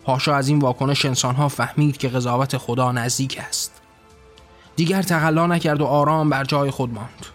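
Brief: male narrator, solemn and measured, mid-pitched voice, soft music underneath. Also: steady tone. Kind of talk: dramatic story narration.

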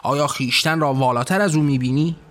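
A man voicing a wrathful almighty male god on his throne, shouting commands and threats. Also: a little high, soft background music, natural voice. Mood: furious.

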